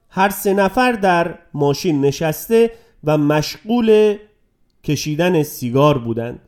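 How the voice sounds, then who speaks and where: Male narrator, storybook reading, measured and dramatic, high for a man. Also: darkish tone.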